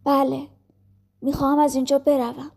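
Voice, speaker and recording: A woman voicing a quiet, serious young orphan girl who answers softly and hesitantly in a storybook reading. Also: sits high, level tone, gravelly. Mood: earnest. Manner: soft, hesitant replies.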